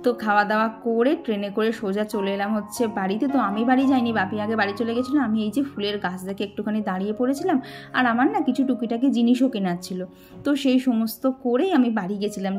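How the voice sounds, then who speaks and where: A woman's voice: on the high side, fast, faint music behind. A young woman, chatting casually to her viewers in a vlog voice-over. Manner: chatty, addresses viewers warmly as "dear". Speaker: vlogger.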